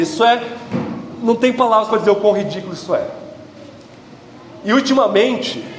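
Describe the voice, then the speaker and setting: Emphatic Brazilian pastor in echoey hall. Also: male voice, high-pitched, slight background noise. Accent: Brazilian Portuguese. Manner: earnest and direct, rising to emphatic peaks. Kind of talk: sermon. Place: church hall. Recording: echoey hall with faint ambience.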